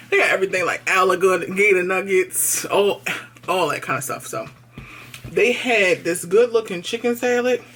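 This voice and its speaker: A woman's voice: mid-range voice, fairly bright tone, a little hiss or hum. A young woman with a Baltimore accent chatting casually to her vlog camera, often talking with her mouth full. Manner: chatty, talks while eating. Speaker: vlogger.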